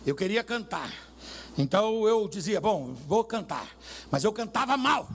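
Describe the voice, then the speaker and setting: A man preaching loudly in a church, telling stories with humor and dramatic swings. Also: high voice, expressive, measured pace, creaky. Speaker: pastor. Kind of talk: sermon.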